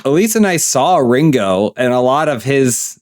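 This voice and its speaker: A man co-hosting a casual chat podcast in an easygoing way, often trailing off quietly. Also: mid-range voice, expressive, moderate pace, no echo, studio quality. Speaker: podcast co-host.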